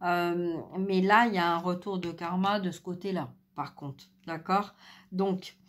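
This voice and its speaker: A middle-aged woman giving a spiritual card reading, hesitant with many fillers, speaking softly because she is losing her voice. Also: on the low side, steady tone, unhurried. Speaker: tarot card reader.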